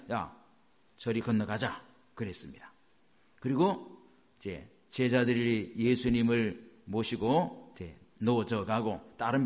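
A male pastor giving a sermon, reading scripture slowly and then explaining it in a chatty way to the congregation. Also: medium pitch.

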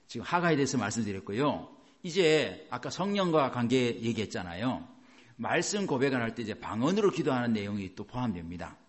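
A man pastor preaching a sermon, emphatic and asking the congregation rhetorical questions. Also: medium pitch.

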